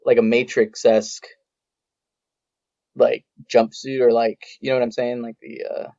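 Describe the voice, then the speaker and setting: Gravelly laid-back guy, lo-fi sound. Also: mid-range voice, little pitch movement, a little slow, warm tone. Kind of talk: casual chat. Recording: dull lo-fi sound.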